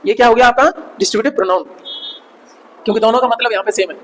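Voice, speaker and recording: A man teaching a grammar class at a brisk clip, cracking jokes and quizzing the room. His voice carries a long echo off the hard classroom walls. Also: extremely high pitch, a bit bright. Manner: chatty, jokes with students, quizzes them.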